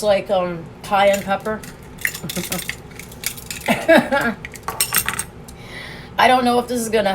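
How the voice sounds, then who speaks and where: A woman's voice: medium pitch, a little hiss or hum, poor audio. A woman streaming a casual food review, chatting with her viewers and laughing often as she eats, recorded on a phone. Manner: chatty, laughs often, talks while eating.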